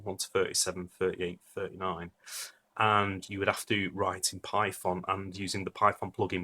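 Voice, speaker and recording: A man's voice: on the low side, a bit bright, slight background noise. A man giving a casual, rambling technical monologue debunking a conspiracy video, blunt and scornful, with many fillers. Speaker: debunking commentator.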